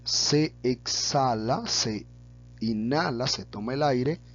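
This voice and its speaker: A man teaching a public speaking lesson, speaking slowly and stretching out example words. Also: mid-range voice, dull audio. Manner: slow and deliberate, stretches out sample words. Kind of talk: slow deliberate lesson on vocal technique.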